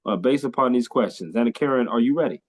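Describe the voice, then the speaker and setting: A Californian man hosts a podcast interview, talking quickly at a medium pitch. His casual chat is enthusiastic and full of fillers and repeated words.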